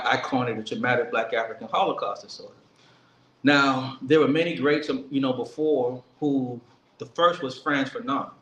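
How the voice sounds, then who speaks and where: A man giving an earnest political speech, emphatic and slowing down to stress key words. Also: medium pitch, fairly bright tone. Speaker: speaker at a commemoration event. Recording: echoey room with faint ambience.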